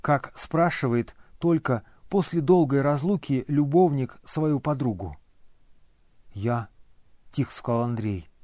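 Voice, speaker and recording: A man narrating a novel as an audiobook, in a measured, expressive reading. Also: mid-range voice, dry recording, clean studio sound.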